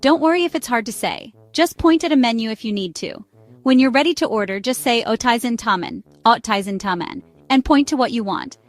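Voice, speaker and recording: A woman giving a scripted travel phrase lesson in an upbeat tone, repeating words slowly so listeners can practice. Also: a little high, no room sound. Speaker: language tutor. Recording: dry close mic with faint music.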